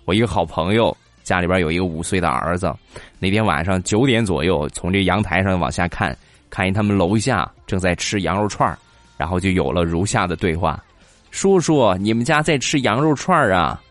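A man's voice: low-pitched, brisk, no room sound. A man telling comic anecdotes about children and puts on their voices in the quotes. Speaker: comedic storyteller. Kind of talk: comic monologue of kids' anecdotes.

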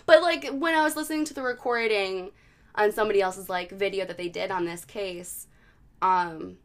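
A woman's voice: mid-range voice, moderate pace. A woman hosting a podcast, telling a case story in a chatty, casual way with lots of fillers. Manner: chatty, many likes and ums. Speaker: podcast host.

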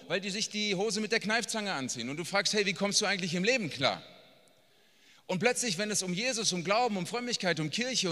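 A man preaching a sermon, blunt and emphatic, swinging from quiet asides to near-shouting. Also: high-pitched. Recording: long reverb of a large hall.

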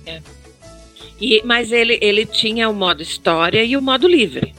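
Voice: mid-range voice, animated, normal speed, pushed and bright, soft background music. A podcast guest chatting casually and agreeably.

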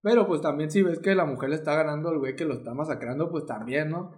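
A man with a Mexican Spanish accent telling a story in casual conversation, relaxed and hesitant. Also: fairly high pitch, quick pace. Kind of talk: casual chat.

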